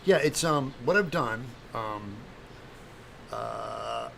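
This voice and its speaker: A slightly hungover man with a phlegmy throat, hosting a casual craft livestream in a halting, distracted, apologetic way while he works and chats to viewers. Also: medium pitch, huge pitch swings, creaky, fairly bright tone, a little hiss or hum. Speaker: livestream host, craft demonstrator.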